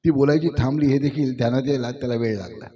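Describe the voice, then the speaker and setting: Man reading a story aloud, mellow. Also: medium pitch, fast, highs cut off. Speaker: story reader.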